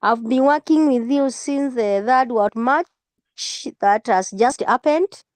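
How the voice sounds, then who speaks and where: A woman with a fairly high voice introduces herself carefully, repeating her words. The recording is dry. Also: slow, no echo. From Kenya. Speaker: university administrator.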